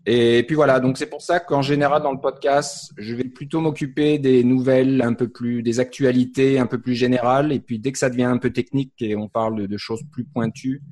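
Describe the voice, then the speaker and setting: A man from France with a Parisian accent softened by years in Canada, a podcast co-host explaining his setup in casual, pause-filled chat. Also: mid-range voice. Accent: Parisian French, softened after years in Canada. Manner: relaxed, explanatory, with frequent "euh" pauses.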